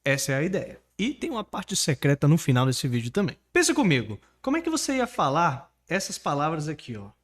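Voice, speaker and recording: A man from Brazil teaching English online, pitching his course and coaching pronunciation with energy. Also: fairly quick, few pauses. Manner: energetic, persuasive, asks the viewer to repeat words.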